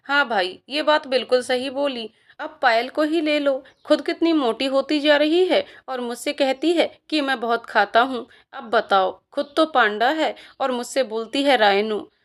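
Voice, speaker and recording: A woman's voice: sits high, a little slow, few pauses. A woman voicing a joking young college guy, in a storybook reading.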